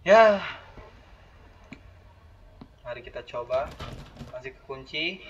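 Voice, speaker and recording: A man's voice: medium pitch, normal speed, a bit bright. A young man, chatting to viewers while playing a horror game and letting out sudden startled exclamations. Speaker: gaming channel host. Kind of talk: horror game let's play commentary. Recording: dull lo-fi audio with faint hiss.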